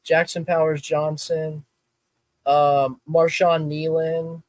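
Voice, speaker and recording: A man's voice: a little high, flat delivery, slow pace, dry recording. A man co-hosting a casual sports podcast, laid-back, often restarting his phrases. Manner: laid-back, stammers on restarts, says bro. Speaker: podcast co-host.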